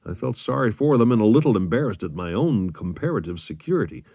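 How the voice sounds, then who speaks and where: A man reading a wartime memoir aloud as an audiobook, with measured, dramatic storytelling. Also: lowish voice, sing-song, gravelly, dark tone, breathy edge, dry recording, studio quality. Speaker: audiobook reader.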